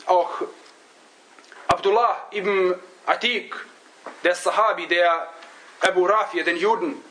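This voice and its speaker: High-voiced man teaching, halting delivery. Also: steady tone, sharp tone, a little hiss or hum, rough recording. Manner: halting, searches for words, often adds a questioning "ja?". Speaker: religious teacher. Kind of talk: religious lesson, storytelling to a class.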